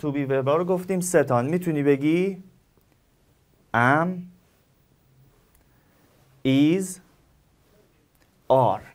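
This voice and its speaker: A male English teacher with a Persian accent, a native Persian speaker, giving a recorded lesson and explaining slowly with repeated examples. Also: fairly high pitch, darkish tone.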